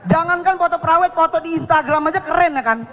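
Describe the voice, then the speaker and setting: High-voiced young man doing stand-up. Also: quick pace, a bit bright, a little hiss or hum. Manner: joking, addresses the audience as "Pak". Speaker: stand-up comedian. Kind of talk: stand-up comedy routine.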